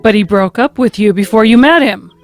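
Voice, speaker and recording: A woman making deadpan one-liners over an old movie. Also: a little high, a little fast, faint music behind. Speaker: comedy riffer. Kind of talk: joking commentary over a movie.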